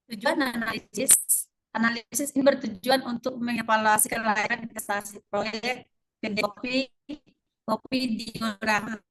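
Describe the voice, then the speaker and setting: A woman's voice: fairly high pitch, fairly even intonation, moderate pace, a bit bright, distant mic, poor audio. A woman student reading a report aloud over an online call whose audio keeps breaking up and glitching. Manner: reads steadily from a prepared text. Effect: choppy breaking-up online call audio. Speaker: student presenter. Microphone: online video call.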